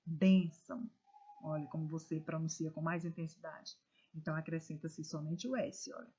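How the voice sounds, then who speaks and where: A woman's voice: low voice, flat delivery, a little mellow, breathy edge. Patient woman teacher, careful stressed reading. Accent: Brazilian Portuguese. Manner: slow, careful, stresses syllables when reading words aloud. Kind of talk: recorded video lesson for children. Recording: dull lo-fi recording.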